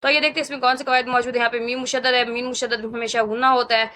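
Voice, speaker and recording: A woman teaching Quran recitation rules, explaining patiently and repeating sounds slowly for learners to copy. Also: fairly high pitch, little pitch movement, sharp tone. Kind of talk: tajweed lesson, step-by-step explanation.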